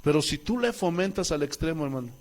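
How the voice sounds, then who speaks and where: A man with a Bolivian Spanish accent preaching a sermon as pastor in a church, asking the congregation questions and swinging between loud calls and soft asides. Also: fairly high pitch, expressive, fast.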